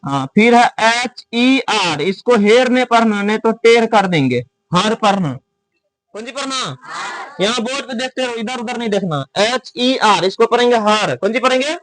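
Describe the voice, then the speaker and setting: Classroom teacher drilling students aloud. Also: male voice, extremely high pitch, animated, a bit bright. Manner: repeats and drills, asking the class to answer back; slow, spelling out words letter by letter. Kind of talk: classroom lesson.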